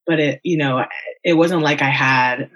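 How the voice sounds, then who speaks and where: Speaking a little slowly in a low, slightly bright voice, this young woman is a writer and teacher hailing from Las Vegas and Miami, United States. Her casual podcast interview is candid and thoughtful, full of ums and likes.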